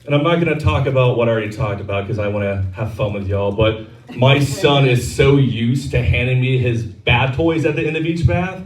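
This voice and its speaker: A man's voice: mid-range voice, a little fast. A man doing a crude, self-mocking stand-up set on a comedy club stage. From Texas. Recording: roomy club sound from a distance.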